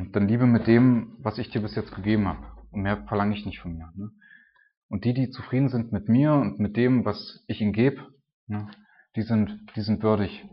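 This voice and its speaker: A man preaching in an informal, conversational way, constantly checking in with his listeners with a quick "right?". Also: fairly low pitch, lo-fi sound. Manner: informal, tags nearly every sentence with a questioning "ne?". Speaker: preacher and church planter.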